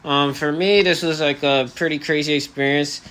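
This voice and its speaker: A man's voice: on the high side, fairly even intonation, normal speed, a bit bright. An eighteen-year-old man talking earnestly in a personal vlog, with hesitant phrasing and articulation slightly restricted by elastics on his jaw. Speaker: vlogger. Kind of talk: personal vlog monologue to camera.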